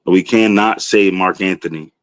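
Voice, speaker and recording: A man with a somewhat low voice talks with steady enthusiasm, leaning on casual fillers. The sound is dry and close, with no room around it. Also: normal speed, no echo. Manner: enthusiastic, fills with "you know what I mean". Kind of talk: casual chat.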